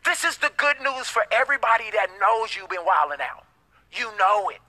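High, bright-voiced preaching man. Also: moderate pace, rough recording. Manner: emphatic call-and-response preaching; casual slangy asides. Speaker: pastor. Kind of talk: sermon.

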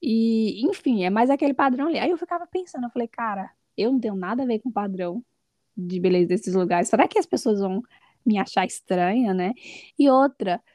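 A woman guest on a podcast, telling her stories in a casual, lively way and laughing often. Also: medium pitch, a little fast, no echo, studio quality. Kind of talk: casual conversational storytelling.

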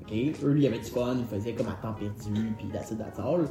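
A man's voice: lowish voice, fast talker, mellow. A man with a Québécois French accent chatting and telling stories as a podcast host, in a joking, colloquial way. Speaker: podcast host presenting a car segment. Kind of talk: casual chat and storytelling. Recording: roomy echo, music underneath.

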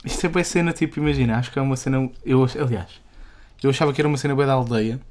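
A man's voice: mid-range voice, racing, darkish tone. A young man with a European Portuguese accent co-hosting a casual podcast from home, with loose, swearing, laughing banter. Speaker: podcast co-host. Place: home room.

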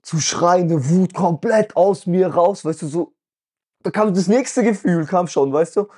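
Husky-voiced man telling a personal story. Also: high voice, a little slow, mellow. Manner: earnest, emotional, full of "weißt du" fillers. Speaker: podcast host.

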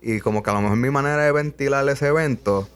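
A man's voice: mid-range voice, fast, clear, resonant tone. A young man hosting a podcast, talking casually and earnestly, peppering his speech with swearing. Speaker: podcast host. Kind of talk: casual conversation.

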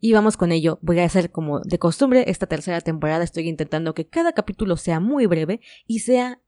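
A woman's voice: on the low side, animated, a little fast, dark tone, no echo, studio quality. A woman from Mexico with a Mexican Spanish accent, hosting a relationship advice podcast in a chatty, frank way with playful asides. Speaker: podcast host.

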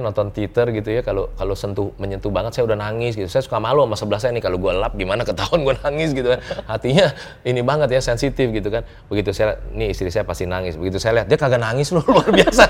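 A middle-aged man, a guest telling a personal story in an interview, animated and quick to laugh. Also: fairly low pitch. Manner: animated, laughs often, acts out dialogue.

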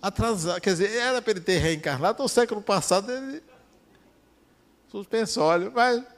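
A man in his fifties, a psychologist, giving a reflective talk and telling stories from his practice in an animated way. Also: moderate pace. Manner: animated storyteller, swings between soft asides and sudden high emphasis. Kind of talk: reflective talk with personal anecdotes.

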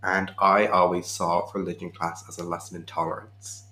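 A man's voice: deep voice, little pitch movement, normal speed, pushed and bright, roomy sound, a little hiss or hum. A man from Ireland co-hosting a casual chat, talking in a reflective, hesitant way with many fillers.

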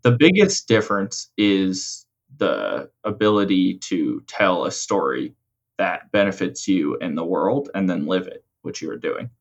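A man in a conversational coaching role, explaining ideas in a measured way and rephrasing his points. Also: low-pitched, sing-song, vocal fry, muffled recording. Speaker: host and coach explaining mental frameworks.

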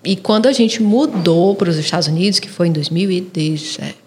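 A young Brazilian woman with a Brazilian Portuguese accent, chatting casually as a podcast guest in a chatty way, quick to laugh. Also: on the low side, warm tone.

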